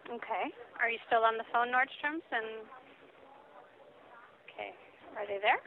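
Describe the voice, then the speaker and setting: A woman's voice: on the high side, a little slow. A woman who works as a store manager, heard over the phone, talking in a polite and puzzled way and asking questions. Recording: muffled phone line.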